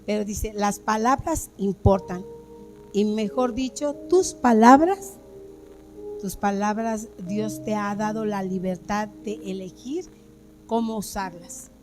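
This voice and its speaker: A woman's voice: medium pitch, steady tone, a little slow, soft background music. A woman pastor preaching a sermon, asking the congregation questions and acting out the dialogue of an anecdote. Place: church.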